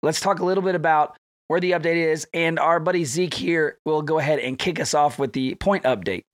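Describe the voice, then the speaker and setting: Sick podcast host, strained voice. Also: male voice, fairly high pitch, brisk, no room sound, studio quality. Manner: chatty, rambling with fillers. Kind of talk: casual podcast chat.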